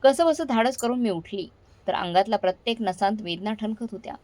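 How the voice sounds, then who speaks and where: A woman's voice: mid-range voice, a little fast, darkish tone, no echo, rough recording. A woman storyteller narrating an emotional first-person story, heartfelt in manner.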